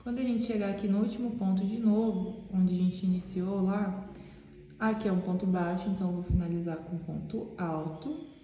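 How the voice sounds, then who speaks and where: A crochet teacher with a stuffy nose explains a pattern step by step in a chatty, casual tutorial. Her medium-pitched, warm voice has fairly even intonation and normal speed, sounding nasal, with slight hiss in a very echoey room with long reverb.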